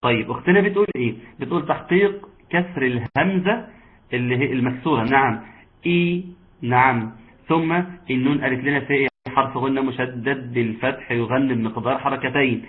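A man speaks with an Egyptian Arabic accent, teaching Quran recitation in an online class. He is patient, repeating and drawing out sounds so his students can copy them. His voice sits at an ordinary pitch and comes through a narrow, phone-like video-call line. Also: brisk. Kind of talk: online tajweed lesson.

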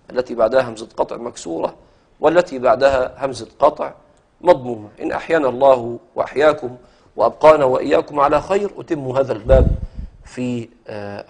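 Male teacher, mid-pitched, explains patiently, chants verse slowly. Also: gravelly, a little mellow, slightly rough. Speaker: Quran recitation teacher. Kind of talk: lecture explaining a classical poem.

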